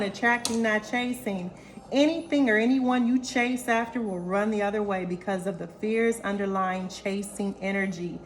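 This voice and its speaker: A woman doing a casual oracle card reading, animated and goofy, calling listeners honey and y'all. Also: medium pitch. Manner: animated, playful, calls viewers honey and y'all. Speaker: intuitive oracle card reader.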